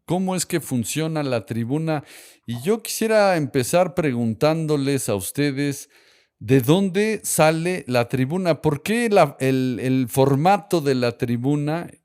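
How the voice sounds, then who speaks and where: A man's voice: a little high, expressive, unhurried, darkish tone, clean tone. A man hosts a conversational discussion, posing questions to his guests and reflecting aloud. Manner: moderating, poses questions to guests. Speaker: podcast host.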